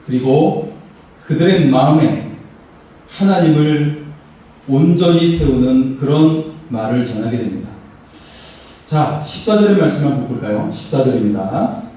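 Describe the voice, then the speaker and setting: A man's voice: mid-range voice, animated, a little slow, long pauses, dark tone. A pastor, a man, preaching a sermon with emphatic, rising phrases. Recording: echoey hall, voice far from mic.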